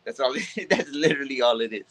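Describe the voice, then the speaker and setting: A man's voice: medium pitch, a bit bright, rough recording. Man teaching scripture in casual talk. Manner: teaching, often checks in with "right?"; reads scripture aloud slowly. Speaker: podcast host leading a scripture study. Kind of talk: casual religious discussion.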